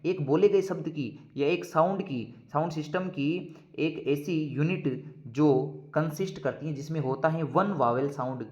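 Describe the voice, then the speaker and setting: A male teacher giving an exam-prep lesson, explaining each point in Hindi, repeating it, and slowly dictating English phrases. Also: on the high side, a little mellow. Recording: dull lo-fi recording.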